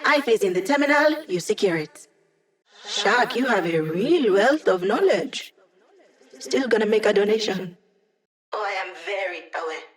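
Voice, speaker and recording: Video game hacker sidekick, young female, played by a woman: cheeky, breezy, tech-savvy, quick to tease. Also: medium pitch, lightly acted. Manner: playful, breezy, teasing, tech-savvy banter. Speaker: video game character giving mission support. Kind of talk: scripted video game voice lines.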